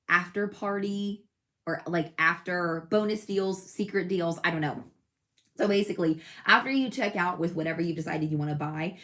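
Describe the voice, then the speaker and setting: A woman hosting a casual crafting livestream, chatting and reading viewer comments, often correcting herself with a laugh. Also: on the low side. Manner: chatty, self-correcting, laughs at own slips. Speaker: crafting channel host.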